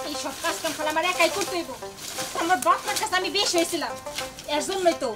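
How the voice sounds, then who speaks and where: A woman playing a harsh, bitter village stepmother who scolds and threatens. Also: quick pace. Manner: shrill scolding, threatening, mocking. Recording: music playing under the voice.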